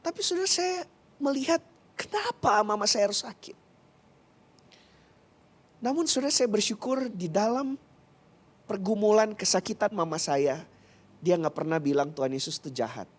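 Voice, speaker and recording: A man's voice: high voice, expressive, moderate pace, long pauses. A male pastor preaching a sermon, telling a personal story in an earnest, emotional way and often addressing the congregation directly.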